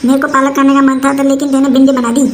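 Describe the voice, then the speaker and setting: This is a bossy old mother-in-law voiced by a woman in a comic skit. She nags and threatens in a rustic dialect, with a high voice. There is a faint hiss behind her. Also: level tone, fast talker, natural voice, poor audio. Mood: scolding.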